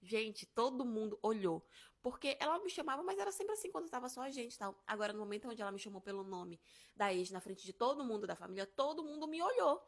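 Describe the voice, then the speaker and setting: Young woman, quick, slightly high voice, lively casual storyteller. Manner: animated, acts out quotes.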